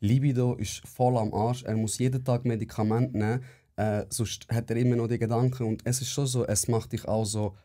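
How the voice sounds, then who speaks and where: A young Swiss German-accented man with a dark, mellow tone hosts a casual chat about nursing. He talks bluntly and with energy, tossing in casual swearing, at a medium pitch. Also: flat delivery, fairly quick. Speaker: psychiatric nurse, podcast host.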